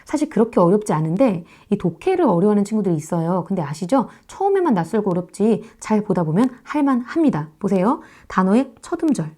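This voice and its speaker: Female lecturer, mellow tone, patient, demonstrates sounds aloud, talks straight to students. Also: mid-range voice, very animated. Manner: explains slowly, repeats sounds to demonstrate pronunciation; addresses students directly, checks understanding. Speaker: Korean grammar teacher. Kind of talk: online lecture.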